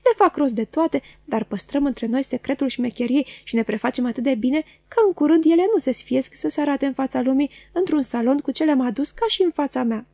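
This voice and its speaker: A woman's voice: high-pitched, warm tone, dry recording. A woman voicing a sly, chattering middle-aged female dwarf who teases and gossips, in a storybook reading. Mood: gossipy. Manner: quick, teasing, knowing.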